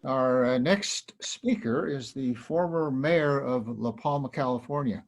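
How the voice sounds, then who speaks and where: A man's voice: mid-range voice, unhurried, poor audio. A man moderating a panel, introducing the next speaker casually with lots of fillers.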